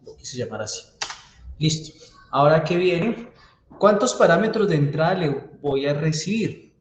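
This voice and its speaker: Speaking at a normal speed with an expressive, high-leaning voice, a man leads a live-coding lecture for a university database course. He works through the code step by step, checking with students often, while faint keyboard clicks sound in the echoing room.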